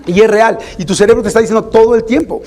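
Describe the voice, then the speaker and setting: Man, Mexican accent, high-pitched voice, animated, informal talk to parents. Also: fast talker. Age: adult parent. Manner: animated, acts out parents and teens in higher voices. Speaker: parenting speaker.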